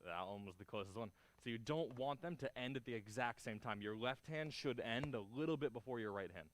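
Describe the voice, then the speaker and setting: A man's voice: medium pitch, a little fast, dry recording. A man instructing a martial arts class, giving short clipped counts and cues along with encouraging feedback as he demonstrates moves.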